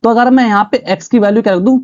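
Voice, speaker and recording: A man's voice: high voice, rapid-fire, muffled recording. A man teaching a math class step by step, asking and answering his own questions as he works each problem. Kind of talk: chalkboard math lesson.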